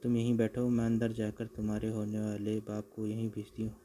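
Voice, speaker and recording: A man's voice: lowish voice, monotone, brisk, warm tone, slight background noise, close to an everyday voice. Man voicing a shrewd, bossy village woman. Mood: sweet-talking. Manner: bossy and scolding. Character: shrewd clever village woman, sharp-tongued trickster.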